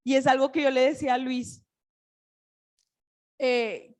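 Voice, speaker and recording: High-voiced woman preaching earnestly. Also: level tone, darkish tone. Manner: earnest, emphatic, with slowed phrases for emphasis. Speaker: preacher at a women's service. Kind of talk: sermon. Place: church.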